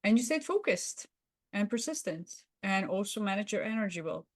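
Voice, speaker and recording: With a mid-range voice full of big pitch swings, a woman co-hosting a podcast talks at normal speed. Her manner is encouraging and affirming across a roleplay and the chat that follows.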